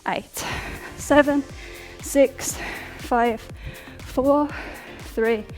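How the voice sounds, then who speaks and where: A young woman leads a workout in an upbeat coaching voice, counting down each set and talking through the reps. Her voice sits a little high and gets breathless at times. Faint music plays underneath her. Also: steady tone, drawn-out words, a little mellow. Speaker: fitness instructor. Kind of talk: workout instruction over music.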